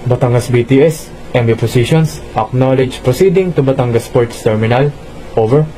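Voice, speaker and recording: Man acting as mellow-voiced ship's officer on marine radio. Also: medium pitch, brisk, slight background noise, natural voice, poor audio. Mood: formal, orderly. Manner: formal, spells numbers out digit by digit. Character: male ship's officer calling port, formal and orderly. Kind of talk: scripted marine radio communication, procedural phrases.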